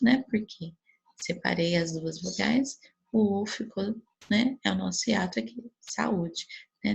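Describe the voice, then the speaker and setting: A woman's voice: mid-range voice, vocal fry, breathy edge, dull audio. A woman teacher with a Brazilian Portuguese accent, giving a patient recorded grammar review and often checking in with her students. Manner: patient explaining with frequent checks like "né?" and "tá?".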